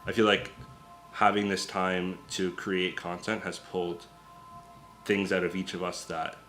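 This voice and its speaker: Deep-voiced band member, low-key and even. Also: male voice, unhurried, faint music behind. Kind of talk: casual interview answer.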